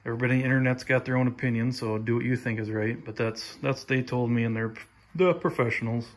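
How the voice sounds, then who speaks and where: A man giving a relaxed, plain-spoken update while filming his own project in a home garage on a handheld phone. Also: medium pitch, fast talker. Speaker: tractor restoration vlogger. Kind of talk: casual workshop update. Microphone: handheld phone camera, filming while talking.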